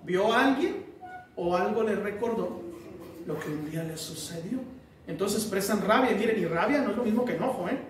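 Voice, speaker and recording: High-voiced preacher in an echoey hall. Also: male voice, normal speed, a little hiss or hum. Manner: animated, asks the congregation questions and acts out resentful people. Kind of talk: sermon. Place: church hall with a congregation. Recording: very echoey hall, mic at a distance.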